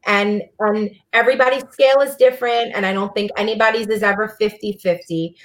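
A woman co-hosting a casual talk show, calmly explaining advice for teens like a counselor. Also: mid-range voice, brisk. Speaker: podcast co-host giving advice to teens.

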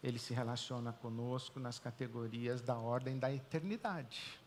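A man with a Brazilian Portuguese accent preaching a sermon as pastor, swinging between loud emphatic declarations and quiet, hushed pauses. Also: mid-range voice, in a large hall, a little hiss or hum.

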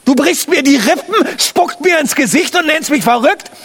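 A man's voice: very high voice, expressive, moderate pace, fairly bright tone. An actor playing a touchy, bitter old comedian who bickers and stammers as he flares up. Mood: bickering. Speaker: comedian rehearsing a doctor sketch. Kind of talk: film dub.

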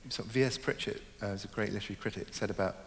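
A man's voice: lowish voice, fairly even intonation, racing, gravelly, in a large hall, a little hiss or hum. A middle-aged man, a novelist born in Germany and raised in Hong Kong, talks through his ideas in an interview, thoughtful and hesitant, with many fillers and restarts. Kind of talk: reflective interview conversation.

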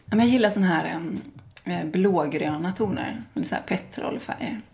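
A woman's voice: on the low side, gravelly, darkish tone. A woman from Sweden, a guest in a casual interview, talking at length with many fillers and restarts.

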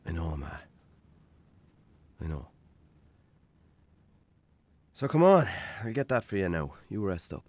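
In a naturalistic radio drama, a man with a low voice fully voices a defensive, hard-drinking Irish bachelor farmer who talks colloquially with dry sarcasm. He is very animated yet slow, pausing often, and sounds caring and patient, a little mellow, with no room sound.

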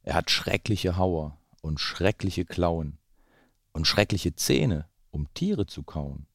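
A man's voice: low voice, expressive, slow, dry recording, heavily acted. Guy doing a bold little mouse, storybook voice, bouncy rhymes, dry sound. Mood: confident. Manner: brightly recited rhyming lines.

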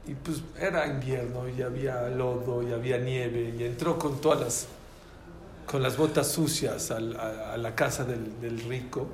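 A man's voice: mid-range voice, unhurried, echoey room, a little hiss or hum. A man with a Mexican Spanish accent teaching a religious class, telling stories and quizzing his listeners. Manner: animated, quizzes the audience.

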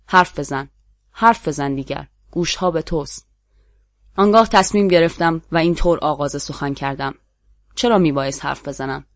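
Persian-accented story reader, mid-pitched voice, measured dramatic delivery, dead-dry booth sound. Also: dry recording. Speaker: narrator. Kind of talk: literary story reading.

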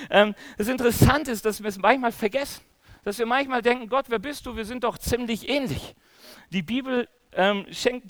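A man preaching a sermon in a lively, casual way, often putting direct questions to his listeners. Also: sits high, no room sound.

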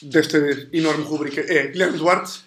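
A man's voice: on the high side, fairly even intonation, moderate pace, a bit bright, slight background noise. A man hosting a podcast in a home with casual, joking talk. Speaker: podcast host. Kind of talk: casual comedic chat. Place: indoors in a home. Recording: roomy, echoey home recording.

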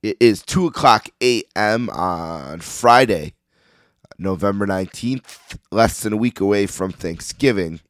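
A man hosting a sports podcast in a casual, opinionated monologue, his voice slightly hoarse as if he is losing it. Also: fairly low pitch, expressive, measured pace, no room sound, studio quality. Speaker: podcast host.

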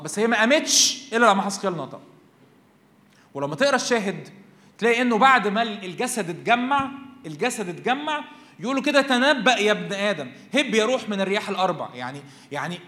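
A young man with an Egyptian accent preaches to a youth gathering, quick and animated, often turning questions back on his listeners. His voice sits high and moves fast. The sound carries the long reverb of a church hall. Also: a little hiss or hum. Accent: Egyptian Arabic. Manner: animated, asks the crowd questions and acts out voices. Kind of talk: lively Egyptian Arabic sermon.

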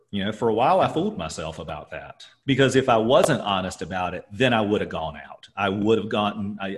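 A man co-hosting a podcast in casual chat, his voice echoing around an empty office, talking in halting, rambling stretches full of fillers. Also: on the low side. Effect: echoey sound from an empty office. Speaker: podcast co-host.

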